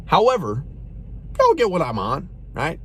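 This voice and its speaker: Young male reviewer, slightly high voice, casual exasperated rant, faint background noise. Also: a little slow. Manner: animated, exasperated, says "bro" a lot. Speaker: drink reviewer.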